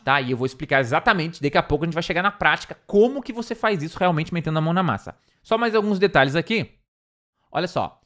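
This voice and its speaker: A man's voice: sits high, fairly bright tone. A man teaching an online English lesson, stressing and repeating key points and checking in with "tá?".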